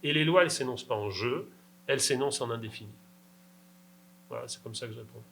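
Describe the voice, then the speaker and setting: A man's voice: mid-range voice, fast talker, creaky, a bit bright, slight background noise, poor audio. A man answering questions after a lecture, emphatic and insistent, checking in with his audience. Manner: emphatic, insistent, rhetorical "d'accord?". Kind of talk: academic Q&A answer.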